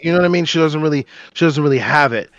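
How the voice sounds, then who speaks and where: Excitable rambling man, dry dull sound. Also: a little high, rapid-fire, no echo. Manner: excitable, rambling with many restarts. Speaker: podcast co-host. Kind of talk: casual chat.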